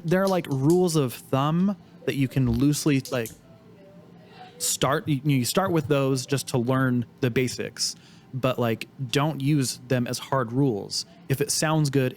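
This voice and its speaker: Halting man explaining audio effects. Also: mid-range voice, a little hiss or hum. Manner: explaining, halting with many restarts. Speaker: podcast co-host. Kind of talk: casual chat.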